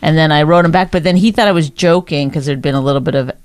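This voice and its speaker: A woman's voice: sits low, racing, dry recording. A female comedian co-hosting a podcast, sarcastic and chatty, telling stories in casual banter. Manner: sarcastic, storytelling, laughs often. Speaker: comedian co-host.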